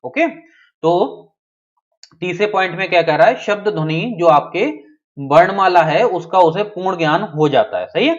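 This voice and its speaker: A man's voice: sits high, measured pace. A man teaching a live online class in a somewhat raised voice. He keeps checking in with his students and reads their names aloud as they reply. The sound is dull and lo-fi.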